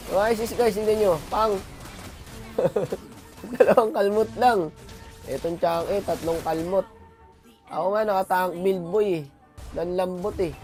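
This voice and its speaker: Hoarse man giving casual game commentary. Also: high voice, darkish tone. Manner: chatty, slangy, addresses viewers often. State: hoarse from a cold. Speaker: gaming commentator.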